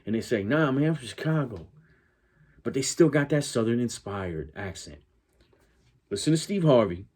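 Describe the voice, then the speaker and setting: This man, a YouTube reaction host from Connecticut, United States, has a mid-range, husky, darkish voice that's animated at normal speed, with frequent pauses. He talks in a southwestern Connecticut accent close to New York's, rambling through casual opinions and stammering to correct himself.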